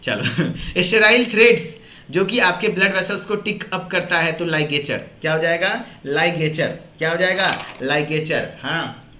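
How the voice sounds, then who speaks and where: Bright, high-voiced male pharmacy teacher. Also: a little slow, roomy sound, a little hiss or hum. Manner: conversational teaching, repeats answers as questions to the class. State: tired after a full day of work. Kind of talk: online exam-prep lecture.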